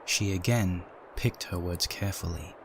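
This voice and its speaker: A man with a deep, low voice reads a dramatic first-person story from a script at normal speed. The poor audio carries noticeable ambient sound and a slight hiss or hum.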